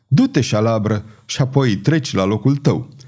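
A man's voice: medium pitch, animated, a little mellow, close to an everyday voice. A man doing a tense, commanding conspirator. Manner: urgent, commanding, clipped. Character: tense, daring male conspirator leading an ambush.

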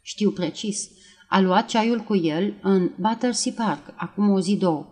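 A woman reading aloud and voicing a heavyset male police officer who questions in a level, flat, unhurried way. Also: mid-range voice, slightly rough, natural voice. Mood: calm.

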